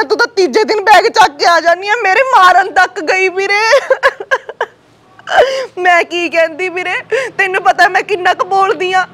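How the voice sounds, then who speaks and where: A woman's voice: very high voice, fairly bright tone. A woman with a Punjabi accent playing a tearful married sister who wails and quarrels with her sister-in-law. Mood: weeping plea. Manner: wailing, quarrelsome. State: crying. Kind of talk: Punjabi web-series acting.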